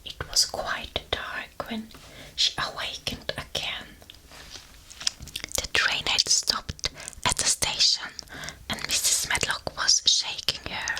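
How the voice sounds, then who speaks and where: A woman whispering a storybook aloud for ASMR, slow and deliberate, very close to a binaural ear microphone. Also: sharp tone, poor audio. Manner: whispering throughout, unvoiced. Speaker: ASMR reader.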